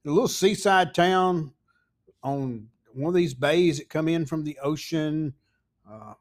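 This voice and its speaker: A man in his sixties or older with a Tennessee accent, a podcast host telling a rambling, folksy story full of pauses and asides. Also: medium pitch. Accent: Southern US, Tennessee. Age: 60s or older. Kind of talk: casual storytelling.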